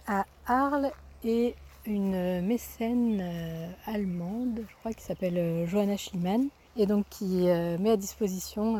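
A woman from France in her thirties leaving a casual phone voicemail from an artist residence, talking haltingly as she searches for words. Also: mid-range voice, warm tone. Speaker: guest animation director.

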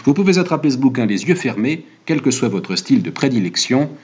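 Husky man reading a book review. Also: mid-range voice, brisk, muffled recording. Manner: animated, wry reading.

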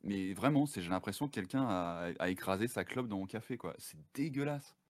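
A man's voice: sits low, animated, brisk, dry recording, clean studio sound. A man chatting casually as a guest on a live stream, laughing often and slipping English words into his speech.

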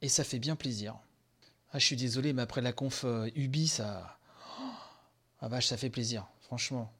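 Excitable man gushing in live reaction. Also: medium pitch, normal speed, husky. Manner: excitable, gushing, many fillers and sighs. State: tired from sleepless nights. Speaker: podcast host.

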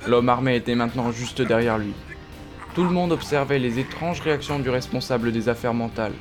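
A man giving steady, understated scripted narration of an audio drama. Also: medium pitch, brisk, music in the background.

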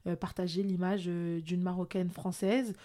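A woman's voice: on the low side, little pitch movement, normal speed, mellow. A French woman speaks candidly as an interview guest. Her talk is loose and conversational, full of small fillers and restarts. She sounds open and talkative. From France. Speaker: guest, entrepreneur and influencer. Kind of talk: casual interview chat.

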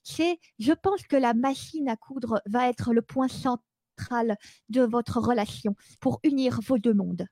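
A woman in an improvised comedy sketch voicing a grandly confident love adviser, with drawn-out pronouncements and the slurred speech of someone wearing braces. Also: on the high side, warm tone, dry recording. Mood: grandly assured.

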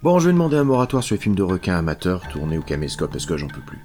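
A man's voice: low voice, very animated, racing, warm tone, faint music behind. A man giving a comic spoken film review in a sardonic, exasperated manner.

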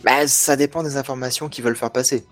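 A man hosting a relaxed tech podcast, talking through the news at a middle pitch. He hesitates and restarts often, with faint music in the background. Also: fast. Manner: hesitant, frequent restarts and fillers. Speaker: podcast host. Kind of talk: casual tech podcast discussion.

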